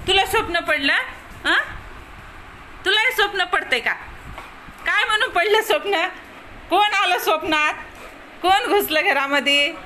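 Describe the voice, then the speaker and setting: A woman's voice: high voice, sharp tone, a little hiss or hum. A woman, soothing her dog at home in cooing baby talk. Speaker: pet owner talking to her dog. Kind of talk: casual talk to a pet. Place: indoors at home.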